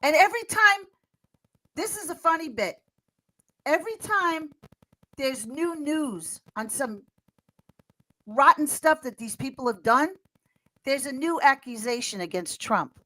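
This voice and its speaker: An American woman giving animated political chat as a podcast guest, fiery and sarcastic, mocking others in squealing voices. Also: high-pitched, unhurried, long pauses, low-quality recording. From United States. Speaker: podcast guest, social media commentator.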